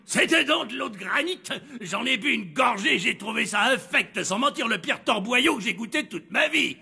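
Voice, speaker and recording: An actor voicing a spoiled, rude little cartoon boy with a loud, insolent, whiny delivery. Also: very high-pitched, lively intonation, normal speed, creaky, slightly rough, exaggerated voice. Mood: disgusted. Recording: loud music over the voice.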